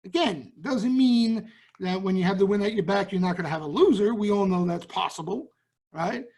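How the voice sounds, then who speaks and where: A man's voice: high-pitched, normal speed, darkish tone. A man with a Brooklyn accent hosting a trading show, talking casually and bluntly to viewers and often checking in with "right?". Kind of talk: casual market talk to viewers.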